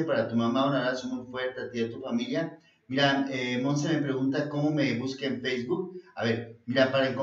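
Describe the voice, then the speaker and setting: Rambling Mexican doctor host, distant roomy sound. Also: male voice, mid-range voice. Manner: rambling and repetitive, often restarts phrases, fond of saying "eh" and "este". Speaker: naturopathic doctor and show host. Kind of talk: health advice talk show with product pitches. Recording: distant mic in a roomy space, dull sound.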